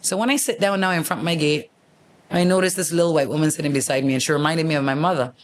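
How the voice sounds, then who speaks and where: A middle-aged man hosting his own show, telling stories in a lively, casual monologue and acting out the people in them. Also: a little high, quick pace, a little hiss or hum. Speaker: host, former radio host.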